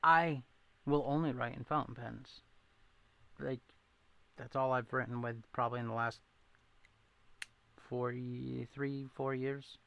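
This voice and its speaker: A man's voice: mid-range voice, fairly even intonation, slow, creaky, long pauses, a bit bright, dull audio. A man hosting a casual live stream, rambling and chatting with viewers and answering their comments. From southeastern Massachusetts. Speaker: livestream host.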